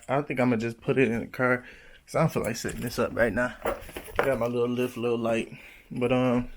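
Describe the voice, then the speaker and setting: A young man in his twenties talking to camera in a loose, rambling monologue, full of slang, jumping now and then into excited, higher bursts. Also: a little hiss or hum. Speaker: vlogger.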